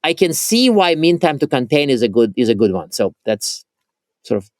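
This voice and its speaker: Animated man co-hosting a podcast. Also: mid-range voice, no echo. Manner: animated, self-interrupting, quick asides. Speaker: podcast co-host. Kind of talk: casual conversational chat.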